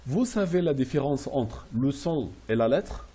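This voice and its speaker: Husky dark-voiced guy teaching french phrases, says each one over and over real slow. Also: mid-range voice, lively intonation. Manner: explains French phrases in English, repeating each slowly. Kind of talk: classroom phrase lesson.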